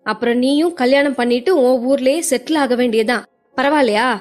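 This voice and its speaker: A sharp-tongued but caring young woman, as a woman narrator puts her on, speaks quickly and firmly, with a high voice. She sounds brisk and no-nonsense. Quiet music plays faintly beneath this audio story. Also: lightly acted. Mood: firm coaxing. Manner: brisk, scolding, then coaxing.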